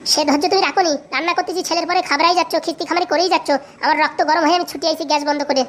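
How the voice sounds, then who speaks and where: A woman acting in a comedy sketch as a sharp-tongued wife who scolds her politician husband. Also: steady tone. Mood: scolding. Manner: scolding, fast and shrill.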